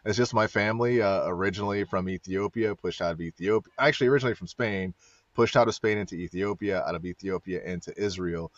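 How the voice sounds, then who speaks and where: Deep-voiced man, laid-back guest. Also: quick pace, no room sound. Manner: laid-back storytelling with fillers. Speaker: guest podcaster. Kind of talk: casual conversation. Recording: dull lo-fi dry sound.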